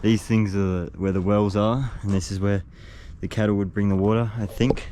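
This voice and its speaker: A young travel vlogger with a slightly low voice, chatting casually and cursing as he walks through old sites. His handheld recording picks up plenty of noise around him. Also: flat delivery, normal speed, warm tone. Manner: casual, swears a lot, jokey. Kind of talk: casual vlog narration. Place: exploring historic buildings and a cave, partly indoors.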